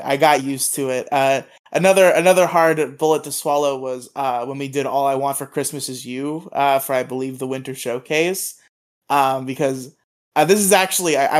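A male podcast co-host in casual conversation, rambling through his stories. He stammers and restarts his sentences as he goes, at an ordinary middle pitch. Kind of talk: casual chat.

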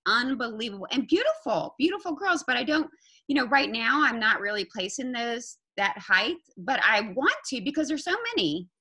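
A woman's voice: on the high side, sharp tone. A woman hosting a casual interview who talks in an effusive way, with frequent exclamations. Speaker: interview host, model agent.

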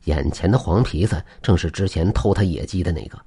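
A man narrating a folk tale in an animated storytelling manner. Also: low voice, fairly quick, vocal fry, slightly rough.

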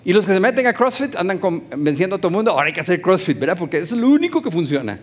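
A pastor preaching in a fairly high voice. He talks with his congregation more than at them and keeps asking them questions. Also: sing-song, very fast. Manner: conversational, asks the congregation questions. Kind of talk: sermon. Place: church hall, also streamed.

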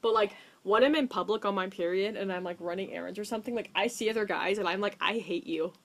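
A woman's voice: medium pitch, fast talker. A woman co-hosting a podcast, chatting emphatically and often saying "like". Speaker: podcast co-host. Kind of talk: casual podcast chat.

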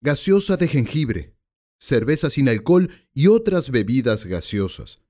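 A man playing a patient young counterman who politely explains the menu, his voice raised a little above the narration and quite lively in pitch. An audiobook character voice with a soft, mellow tone. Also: a little slow.

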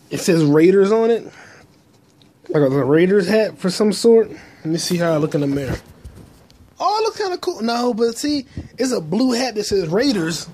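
A man's voice: a little high, warm tone, a little hiss or hum. A man hosting a solo podcast, talking in a crude, rambling, profane way into a phone held in his hand. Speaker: podcast host. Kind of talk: casual solo monologue.

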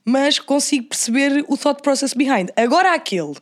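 A woman's voice: high-pitched, expressive, moderate pace. A young woman with a European Portuguese accent chatting casually as a podcast co-host, slangy and switching into English phrases. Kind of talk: casual chat.

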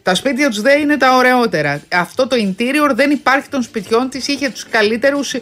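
A woman's voice: high-pitched, animated, a bit bright. Chatty, playfully scolding woman co-host. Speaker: co-host of a gossip show. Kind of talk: casual celebrity gossip chat.

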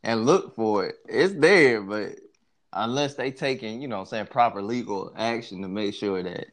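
A man's voice: fairly low pitch, expressive, normal speed. Young man in laid-back, joking bro talk. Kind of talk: casual joking chat.

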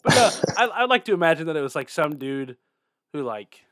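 A man's voice: fairly high pitch, very animated, fairly quick, a bit bright, no room sound, studio quality. A young man hosting a casual podcast over a call, rambling, swearing freely and chuckling. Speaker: podcast host.

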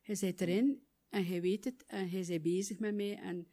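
A woman's voice: medium pitch, fairly even intonation, normal speed, dark tone. A woman in the congregation answering the preacher's questions, hesitant and searching for words. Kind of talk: answering questions in a church setting.

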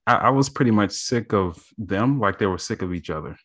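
A man's voice: fairly low pitch, expressive, a little fast, a bit bright, husky, dry recording. A man in a casual chat giving blunt opinions about a film, often stammering before his point. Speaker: movie review co-host.

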